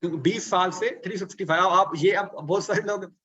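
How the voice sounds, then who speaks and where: A man's voice: high-pitched, fast talker, pushed and bright, husky. A man coaching a live online workshop, asking rhetorical questions and working through sums step by step.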